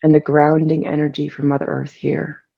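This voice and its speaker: With long pauses and a leisurely, calming pace, someone leads a guided meditation in a relaxed, gravelly voice marked by vocal fry. The voice is medium in pitch, and the audio sounds dull.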